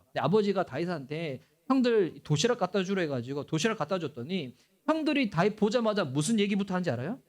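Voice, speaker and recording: A man preaching a sermon as pastor, animated and acting out the voices he quotes. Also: high voice. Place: church sanctuary.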